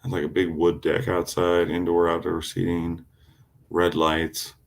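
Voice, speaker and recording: A man chatting on a casual livestream, telling a rowdy story, cursing constantly, with loud animated outbursts when quoting himself. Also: low voice, unhurried, creaky, slight background noise. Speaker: live streamer. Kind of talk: casual rambling livestream chat.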